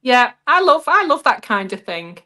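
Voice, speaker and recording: A woman's voice: sits high, very animated, moderate pace, bright, forceful tone. Brief: woman, northern English Lancashire accent, live-stream host, reads viewer comments, casual and upbeat. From northwest England.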